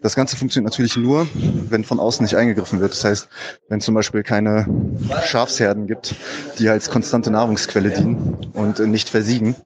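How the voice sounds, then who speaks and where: A man who is a biology teacher talks casually in a loose, rambling way with many fillers, a bit frazzled. He speaks from the gym on a low quality sound recording. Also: fairly even intonation, normal speed. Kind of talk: casual spoken comment, explaining science. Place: at a gym, doing sport. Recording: poor quality recording with loud crowd noise behind.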